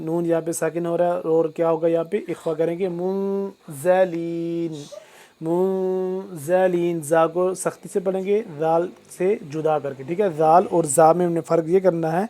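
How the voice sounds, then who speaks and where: A man teaching Quran recitation word by word, switching between slow, drawn-out recitation and quick explanations. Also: fairly high pitch, mellow.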